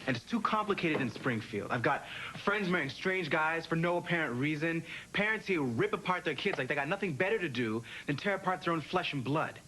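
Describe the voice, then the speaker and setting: Brief: wry young best friend, lively up-and-down voice. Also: male voice, a little high, a little fast, hardly any pauses, a little hiss or hum, rough recording. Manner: wry, joking, expressive. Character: wisecracking young man, loyal best friend. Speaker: soap opera character. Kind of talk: 1990s daytime soap acting.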